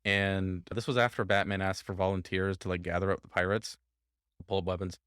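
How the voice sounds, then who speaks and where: A man with a fairly low voice chats casually as a podcast co-host. He sounds relaxed and talkative, with loose fillers. His voice is close and dry, with no room sound. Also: brisk, smooth, dry recording. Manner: relaxed, chatty, with fillers and quoting lines. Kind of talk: casual chat about comics.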